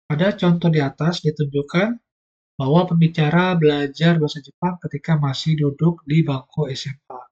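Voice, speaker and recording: Husky-voiced man teaching a language lesson. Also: fairly high pitch, steady tone, moderate pace, darkish tone, dull audio. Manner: patient, step-by-step explaining. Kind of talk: online lesson explanation.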